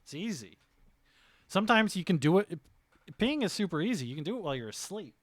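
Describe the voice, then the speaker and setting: A man's voice: sits high, big pitch swings, a little fast, no echo. A man talking casually as a streaming game master, in a rambling, joking manner.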